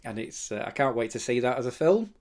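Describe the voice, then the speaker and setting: A man's voice: medium pitch, big pitch swings, fairly quick, darkish tone. A man hosting a podcast, talking casually and enthusiastically, often restarting his sentences. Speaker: podcast host.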